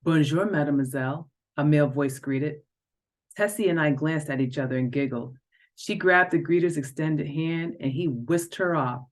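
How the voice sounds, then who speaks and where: A woman reads an excerpt of her own novel in a low, deep voice. She tells the story expressively and lifts her pitch to stress key moments. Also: normal speed. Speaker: author reading her own book. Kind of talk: reading a novel excerpt aloud.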